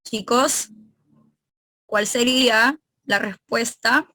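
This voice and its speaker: Bright-voiced woman teacher quizzing her class. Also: fairly high pitch, fairly even intonation, extremely slow, dry recording. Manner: quizzing students, explaining grammar step by step. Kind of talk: online exam review class.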